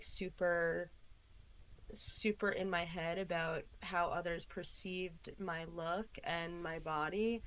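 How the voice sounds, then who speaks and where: This is a woman in her late twenties, appearing as a podcast guest in a casual interview chat. She talks in a chatty way, with lots of fillers, and often quotes herself. Her pitch is fairly low and her tone fairly bright.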